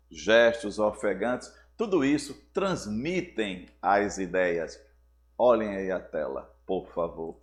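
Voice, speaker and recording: A man teaching a recorded school lesson to seventh graders, often checking in with "certo?" and speaking with a Brazilian Portuguese accent. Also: fairly low pitch. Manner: explains with frequent "certo?" check-ins to students.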